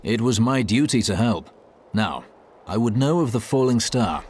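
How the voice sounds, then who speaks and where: A man's voice: medium pitch, lively intonation, moderate pace, slight background noise, natural voice. A man playing a stern, dutiful holy warrior in a fantasy video game, speaking in a terse, formal, resolute way. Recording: loud game music behind.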